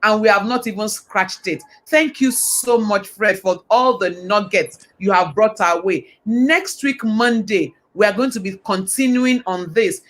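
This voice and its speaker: A woman's voice: medium pitch, a little slow, few pauses. A woman hosting a live online talk show, enthusiastic and affirming as she sums up and asks questions. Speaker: host.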